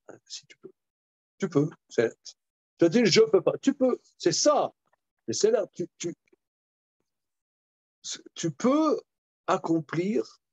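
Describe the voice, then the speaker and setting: Animated rabbi giving a lesson. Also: male voice, high voice, no room sound, lo-fi sound. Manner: animated, repetitive, with many restarts and role-played examples. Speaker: rabbi teaching a class. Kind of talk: informal Torah lesson.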